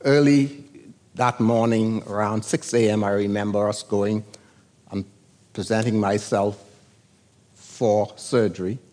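An older Bahamian pastor preaches a sermon, telling a personal story in a deliberate storyteller's style and acting out the voices he heard. His voice sits on the low side, with fairly even intonation and a darkish tone.

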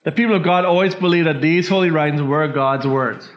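Teaching a Bible study at church, this man from the Bahamas speaks briskly with a voice on the high side. He keeps asking his listeners "all right?" to check in, and the audio is dull, lo-fi quality.

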